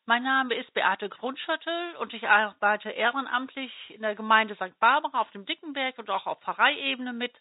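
Parish volunteer lady reading a kids story, gentle, kinda high voice, phone-tinny. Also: normal speed, hardly any pauses, dry recording. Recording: dry, tinny phone-like sound.

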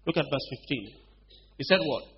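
A man preaching a sermon, often asking the congregation if they hear him, swinging between loud emphatic bursts and quiet storytelling. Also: mid-range voice, expressive, normal speed. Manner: call-and-response questions to the congregation. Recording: dull lo-fi recording with faint hum.

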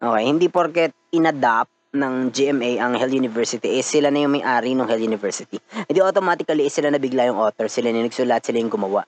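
A chatty Filipino man hosting a podcast, his voice a bit stuffy from a cold. He talks in a loose, casual way with frequent laughs, at an ordinary middle pitch. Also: quick pace. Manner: chatty, laughs often, mixes in English. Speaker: podcast host.

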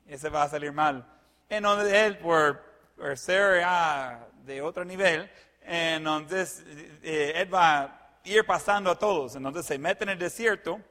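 A man telling a personal anecdote in a lively way, adding sound effects and fillers. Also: fairly high pitch. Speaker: storyteller. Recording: long hall reverb.

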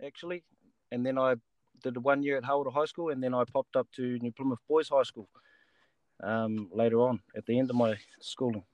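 Easygoing New Zealand man, medium pitch, dry sound. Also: fairly even intonation, fairly quick, a little mellow, no room sound, low-quality recording. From Taranaki, New Zealand. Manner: laid-back, matey, repeats phrases. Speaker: guest, rugby player. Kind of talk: casual chat.

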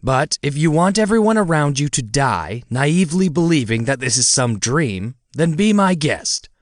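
A man voicing a tiny, smug, bat-winged male demon who mocks and threatens in a quick, lowered voice. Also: big pitch swings, no room sound, studio quality. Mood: menacing. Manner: mocking, quick, menacing.

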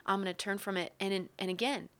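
A woman's voice: mid-range voice, steady tone, quick pace. A young woman, a guest on a faith interview, telling her story earnestly and candidly, with frequent restarts. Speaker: guest, worship coordinator. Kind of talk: conversational testimony interview.

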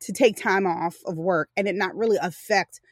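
A woman's voice: mid-range voice, normal speed, no room sound. A woman in her forties co-hosts a casual podcast chat. She speaks candidly and loosely, backing up to correct herself as she goes. Her voice sits close and dry, with no room sound. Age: 40s. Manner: candid, rambling, self-correcting. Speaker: podcast co-host.

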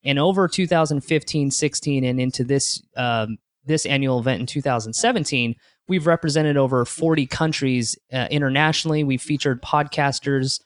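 A man's voice: medium pitch, normal speed, hardly any pauses, dry recording, studio quality. A man answering interview questions about his podcast in an earnest, upbeat way, often restarting his sentences. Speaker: podcast co-host, interview guest.

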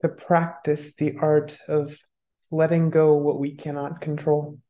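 A meditation guide leading a guided meditation, giving calm, unhurried instructions with long pauses. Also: mid-range voice, muffled recording.

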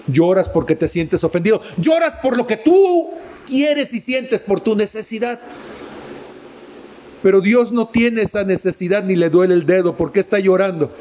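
Impassioned high-voiced preacher man. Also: animated, moderate pace, a little mellow. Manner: emphatic, swinging between high exclamations and low drops; addresses listener directly with questions. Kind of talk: sermon.

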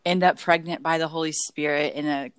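A woman's voice: sits low, steady tone, brisk, smooth, dry recording. A woman co-hosting a podcast, chatting casually about faith and rambling with many fillers and self-corrections. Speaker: podcast co-host.

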